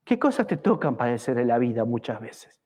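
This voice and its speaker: A pastor preaching a fervent evangelical sermon at a church service, asking the congregation many rhetorical questions. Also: male voice, medium pitch, very animated, fairly quick, darkish tone, husky, lo-fi sound.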